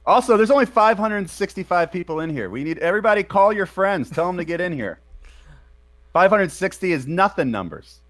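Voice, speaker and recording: A man's voice: high voice, big pitch swings, normal speed, fairly bright tone. A man co-hosting a casual live stream. He rambles and hesitates with frequent fillers as he sets up topics. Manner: hesitant, rambling, many ums. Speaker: co-host.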